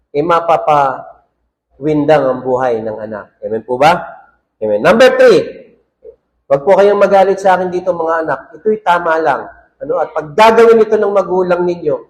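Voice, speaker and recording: A man's voice: fairly high pitch, darkish tone, low-quality recording. A male pastor preaching a sermon who keeps checking in with the congregation and reads verses aloud in English. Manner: keeps asking the congregation "ano po?"; mixes English quotes and phrases into his preaching.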